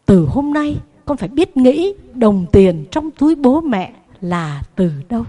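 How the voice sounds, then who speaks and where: A young student son in a spoken moral tale, earnest and pleading as he asks his parents for help, as a woman preacher puts him on. The voice sits fairly high. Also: big pitch swings, measured pace, dark tone. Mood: remorseful.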